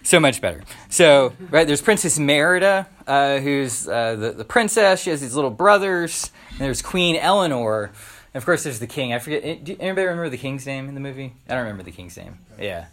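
A man's voice: mid-range voice, very animated, a little fast, a bit bright. Conversational man preaching to a group. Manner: conversational, with frequent "uh" fillers and rhetorical questions. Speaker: pastor. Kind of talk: sermon.

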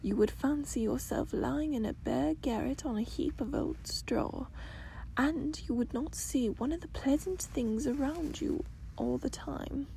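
A woman reading as a gentle ancient grandmother. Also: high-pitched, a little slow, gravelly, low-quality recording. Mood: tender. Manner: soft, hushed, half-whispered.

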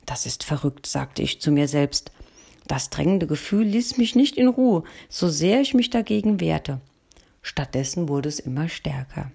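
Low, gravelly woman telling a story. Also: measured pace. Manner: calm first-person storytelling. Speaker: narrator. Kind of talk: audiobook reading.

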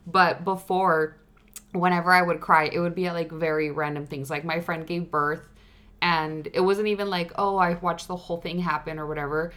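A woman's voice: on the low side, level tone, normal speed, fairly bright tone. A woman co-hosting a podcast in casual chat. She tells stories in a chatty way with many fillers. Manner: chatty storyteller, filler-heavy. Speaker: podcast co-host.

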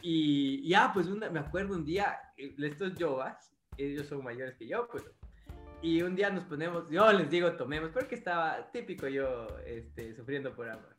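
Man, Ecuadorian accent, high voice, podcast host, casual chat, animated profane storytelling, faint music behind. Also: normal speed, reverberant.

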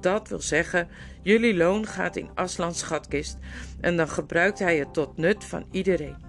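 A woman's voice: on the low side, measured pace, faint music behind. A woman reading a storybook, voicing a scheming, domineering male ape who snaps and sneers. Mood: bossy. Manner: sneering, snapping orders.

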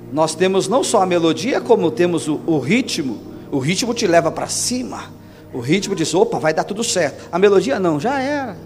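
A Brazilian man preaching a sermon, telling the story with acted-out dialogue and building up to shouted lines. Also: sits high, sing-song, normal speed, faint music behind. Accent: Brazilian Portuguese.

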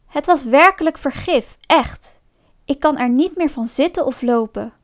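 A woman's voice: sits high, a little slow. A woman voicing a cunning male fox in a storybook, sweet-talking and mocking under a show of friendliness. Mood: sly.

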